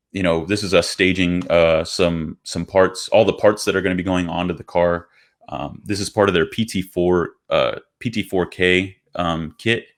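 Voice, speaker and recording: A man with a very deep, low voice co-hosts a podcast, chatting casually over a video call. He tells his story in a relaxed, rambling way and fills his sentences with ums and restarts. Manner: relaxed and rambling, with many fillers. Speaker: podcast co-host.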